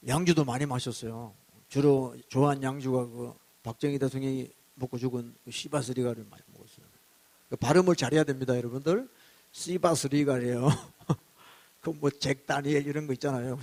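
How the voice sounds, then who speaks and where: A male pastor in a church, telling his own testimony in a revival sermon with animated storytelling and shouted outbursts. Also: mid-range voice.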